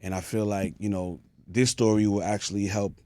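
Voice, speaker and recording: Laid-back low-voiced man DJ. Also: fairly even intonation, brisk, darkish tone, dry recording, clean studio sound. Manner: laid-back, rambling with many fillers. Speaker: DJ, guest. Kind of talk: conversational interview.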